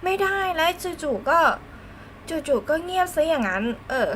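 A young woman with a Northern Thai accent chatting casually with viewers during a live game stream, animated and full of fillers and restarts. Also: high voice, normal speed, a little hiss or hum.

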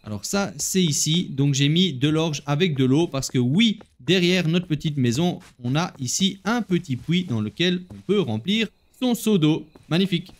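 A man's voice: a little high, expressive, moderate pace, hardly any pauses. A man hosting a gaming video, chatting casually to viewers as he plays and laughing at himself. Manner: chatty, talks straight to viewers while playing. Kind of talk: casual gameplay commentary.

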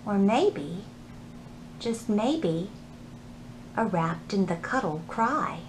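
Speaking extremely slowly in a medium-pitched voice, a thirtysomething woman leads storytime for children in a library, animated and addressing them directly as their librarian. The audio is poor, with a little hiss or hum.

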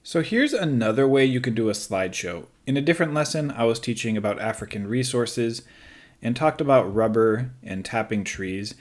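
A man who is a teacher, calmly talking through a screen-recorded software tutorial step by step, with light joking asides. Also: medium pitch, normal speed, a little hiss or hum.

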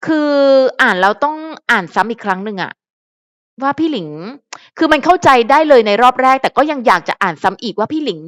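A young fan vlogger with a mid-range, slightly bright voice chats casually and directly to her viewers, referring to herself by her nickname and musing aloud. The sound is dry and clean, like a studio.

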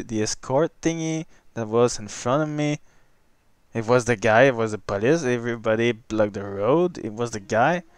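A man's voice: medium pitch, smooth, dry recording. A young man casually commenting on his truck-driving gameplay, rambling playfully and talking to the game as he drives. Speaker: gaming channel host.

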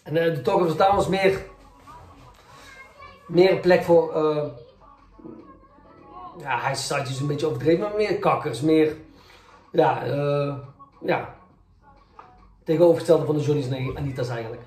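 Male journalist, candid first-person storyteller; dark mellow tone, echoey room. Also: a little high, moderate pace, long pauses. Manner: candid, reflective retelling, acting out both sides of arguments. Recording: roomy echo, faint music.

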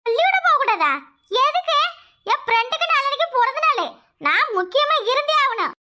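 A woman's voice: very high voice, animated, pushed and bright, full character voice. A woman voicing a cheeky schoolgirl daughter in a cartoon, with a Tirunelveli Tamil accent. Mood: indignant. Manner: pleading, quick and chirpy. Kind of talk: cartoon voice acting.

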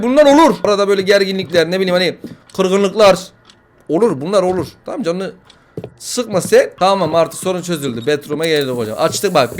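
A young man playing a horror game, swearing, joking and yelling at the game as he comments. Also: high voice, slight background noise. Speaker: gaming YouTuber.

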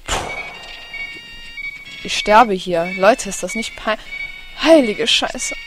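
A woman doing playful, excitable commentary as she plays a video game, breaking into little songs and silly voices. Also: medium pitch, slow, over music. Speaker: let's player. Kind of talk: casual gameplay commentary.

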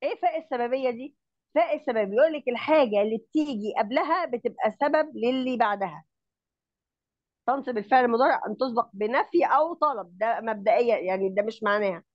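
A woman's voice: a little high, quick pace, no echo, highs cut off. A woman with an Egyptian Arabic accent teaching grammar in an online lesson, explaining step by step and often checking that her student understands.

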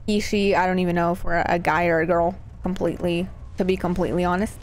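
A woman streamer talks fast in a low-ish voice with little pitch movement, a little hiss or hum in the background. Casually commenting live on a horror game, she's nervous and scared, reacting with swearing, exclamations, and playful jokes.

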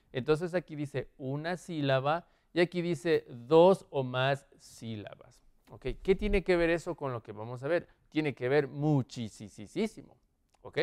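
Teaching English to a class, this man has a slightly high voice with a darkish, clear, resonant tone. He checks in frequently with "¿sí?" and "¿ok?" and shifts around the room while he writes on the board.

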